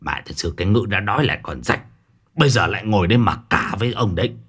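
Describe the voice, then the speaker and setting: A man playing a cruel, greedy old village official who curses and yells threats at the poor. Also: lowish voice, animated, fast talker, husky. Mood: sneering. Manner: snarling, cursing, yelling threats.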